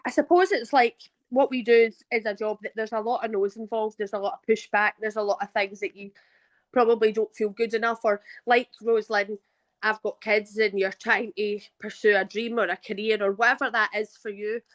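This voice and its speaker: Chatting in a relaxed interview, a Glaswegian actress in her thirties recounts a story with frequent restarts. She is Scottish, and her medium-pitched voice is steady and brisk.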